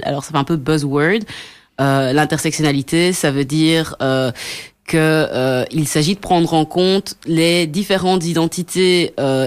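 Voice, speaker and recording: A woman, a guest activist on a radio show, explaining earnestly over a headset. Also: low voice. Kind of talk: radio interview.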